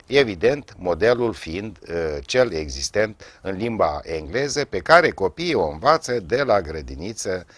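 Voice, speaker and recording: Didactic lively-pitched man with dry sound. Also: no echo. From Romania. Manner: measured, didactic, pauses with fillers; dry wry asides. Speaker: language teacher hosting a TV segment. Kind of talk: televised language lesson, reading word lists.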